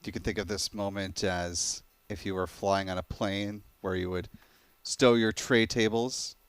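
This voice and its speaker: A man's voice: low voice, steady tone, a little slow, smooth, dry recording. A man giving explanatory live commentary on a rocket launch webcast.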